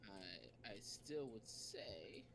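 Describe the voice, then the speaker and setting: A soft-spoken man talking quietly with friends on a voice call. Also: on the low side, animated, very slow, gravelly. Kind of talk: casual chat.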